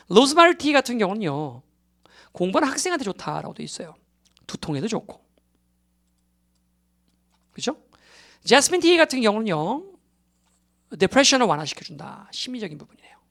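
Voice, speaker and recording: A man's voice: sits high, very animated, moderate pace, long pauses, a bit bright. A man giving a recorded exam-prep English lecture. He explains step by step, keeps checking that students follow, and drops English terms into his Korean.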